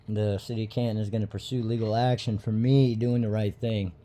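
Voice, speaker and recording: A video host who styles himself a citizen watchdog speaks to his viewers off the cuff. His mid-range, mellow voice carries blunt, emphatic, indignant and profane commentary.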